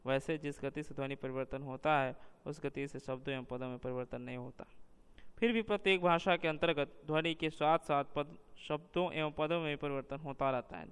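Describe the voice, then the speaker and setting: A man reading a linguistics lesson aloud, listing examples one after another in a measured way. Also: fairly high pitch, a bit bright, smooth, in a large hall. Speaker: lecturer.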